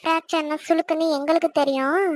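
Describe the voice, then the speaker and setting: A woman voicing a young wife in an animated series, arguing and pleading quickly and insistently. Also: very high-pitched, dry recording. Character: young wife, stubborn and outspoken.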